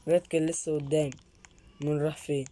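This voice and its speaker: A man's voice: fairly high pitch, little pitch movement, quick pace, mellow. Egyptian guy playing a scary game on his channel, keeps yelping and repeating himself when spooked. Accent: Egyptian Arabic. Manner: jumpy, yelps and repeats words when startled. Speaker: gaming channel host. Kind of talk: playing and narrating a horror game.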